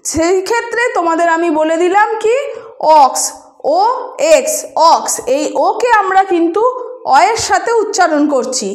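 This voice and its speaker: A woman's voice: very high-pitched, animated, moderate pace, roomy sound. A woman teacher patiently explaining a grammar lesson to students, often asking them questions. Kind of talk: spoken Bengali grammar lesson.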